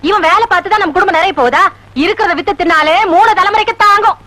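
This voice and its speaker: Bright, high doting village mother. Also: fast, no room sound. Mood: defensive. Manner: fussing, defensive, sharp-tongued. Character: doting village mother, protective of her son. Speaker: film actor. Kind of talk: Tamil film comedy acting.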